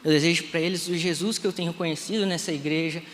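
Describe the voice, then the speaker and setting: A man in his thirties, a Brazilian pastor, tells a heartfelt testimony at a live service and voices each exchange he recalls. His voice sits a bit high for a man. It rings out through a reverberant sanctuary over faint room noise. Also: fairly even intonation, quick pace, fairly bright tone. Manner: emotional storytelling, re-enacting dialogue. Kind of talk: live church testimony sermon. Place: church sanctuary.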